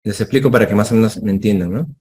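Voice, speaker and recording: A medical lecturer explains things step by step in a lowish, darkish voice at rapid-fire speed. He closes phrases with tag questions and acts out brief exchanges with patients.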